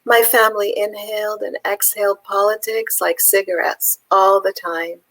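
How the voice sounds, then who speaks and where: A woman from Palestine, a poet, talking thoughtfully with pauses and fillers, then reading her own poem aloud. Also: mid-range voice, flat delivery, a bit bright, poor audio. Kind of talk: conversation and poetry reading.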